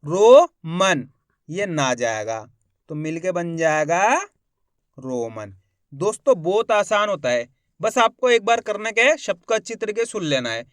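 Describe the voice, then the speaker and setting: A man teaching a reading lesson. He sounds out each word slowly, syllable by syllable, and he asks the viewer questions and then answers them. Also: high voice, big pitch swings, fairly bright tone, dry recording, clean studio sound. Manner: slow, syllable by syllable, repeating words.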